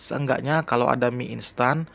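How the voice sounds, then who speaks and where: A stubborn, sulky older sister , as a male narrator voices her, griping bluntly in a raised, louder voice. She is a hungry young woman in a storybook reading. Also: mid-range voice, fairly even intonation, normal speed, gravelly. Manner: complaining, blunt.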